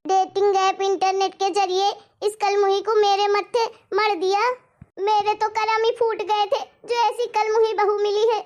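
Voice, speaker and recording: A woman voicing a domineering, quick-tempered middle-aged mother-in-law in a cartoon story, taunting and scolding. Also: flat delivery, a little mellow. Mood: outraged. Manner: taunting, bossy, shrill scolding.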